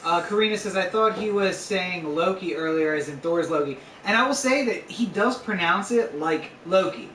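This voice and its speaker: A talkative man hosts a casual home podcast, his fairly high voice sounding roomy and a little distant. There is a faint hiss behind him. He teases and argues his points playfully. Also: expressive, normal speed, hardly any pauses, sharp tone. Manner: chatty, playfully argumentative. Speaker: podcast host. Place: home room.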